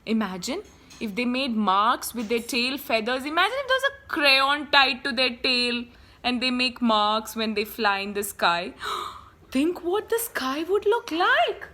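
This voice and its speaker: Woman reading a picture book aloud, high voice, lively swooping pitch, slow and bright. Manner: animated, gasping, playful with bird calls.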